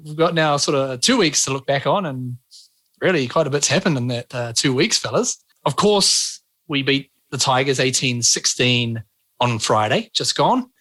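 A man's voice: mid-range voice, expressive, moderate pace, bright, forceful tone, no room sound. Casual New Zealand man hosting, close and dry. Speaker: podcast host. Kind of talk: casual chatty sports podcast hosting.

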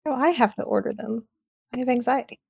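High-voiced joking woman player. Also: fairly quick, gravelly, a little mellow, slightly rough, no room sound, studio quality. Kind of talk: casual tabletop game chat.

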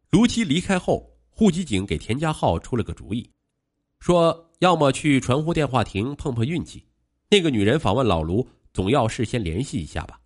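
Animated male crime-story narrator. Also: medium pitch. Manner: animated storytelling with rising emphasis.

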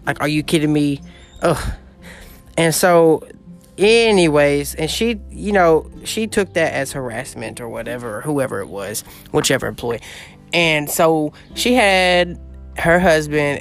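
A man's voice: on the high side, a bit bright. A man, telling a story in a dramatic, exclamatory, gossipy way as a podcast host on his porch. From southeast Missouri. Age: late teens. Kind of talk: casual storytelling monologue. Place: outdoor porch.

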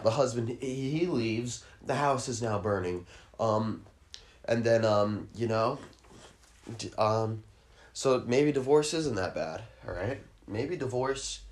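This comedy podcast host rambles in a crude way, stumbling through ums and restarting his sentences, and bursts out with shrill squealing sound effects.

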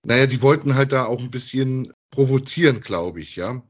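This audio-drama review podcast features a male co-host with a husky, medium-pitched voice at a normal speed. Casual and colloquial, he states his opinions forcefully and frequently seeks agreement.

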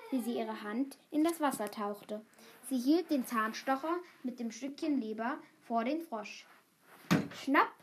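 A woman reading a children's book aloud, unhurried, with small slips and fillers. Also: fairly high pitch, noisy background. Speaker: reader.

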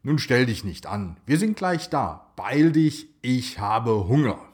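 A man's voice: medium pitch, big pitch swings, takes it slowly, a little mellow, slightly rough, exaggerated voice. A man telling a children's story, voicing an impatient, whiny young boy. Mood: grumbling. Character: young boy, grumpy and hungry.

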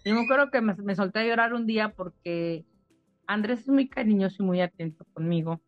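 A woman's voice: medium pitch, fairly quick, no echo. Woman, middle-aged, heartfelt testimonial, dry dull lo-fi sound, faint music under. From Mexico. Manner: emotional storytelling, repeats phrases. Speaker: spa owner giving a testimonial. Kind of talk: casual testimonial interview.

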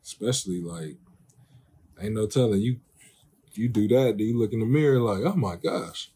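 A young man chats in a loose, slangy, easygoing way. His voice is low and husky. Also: moderate pace, mellow. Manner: laid-back slangy talk. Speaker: co-host. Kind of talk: casual couple chat.

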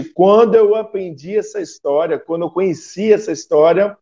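A man telling a story on a live stream, acting out the characters' voices. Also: muffled recording. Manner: acts out the voices in the story with lively pitch jumps. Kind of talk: storytelling talk to an online audience.

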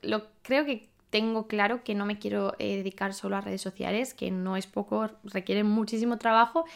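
Chatty young woman thinking out loud. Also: medium pitch, steady tone, normal speed, vocal fry. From Spain. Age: 20s. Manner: chatty, thinking aloud with many fillers and self-questions. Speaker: podcast host. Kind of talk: casual monologue.

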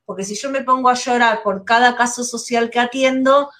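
A fairly high-voiced middle-aged woman talks with a Rioplatense lilt over a video call. She speaks candidly, stopping and restarting her phrases as she goes. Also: fairly even intonation, normal speed, fairly bright tone. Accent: Rioplatense Spanish. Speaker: guest, mother. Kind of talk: casual interview chat.

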